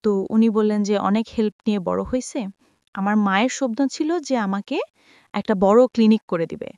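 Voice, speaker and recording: A mellow, medium-pitched female voice at normal speed, recorded dry. She has a Bangladeshi accent and is telling a personal story on a radio program, conversational in tone, performing the reported speech of others and weaving English words throughout.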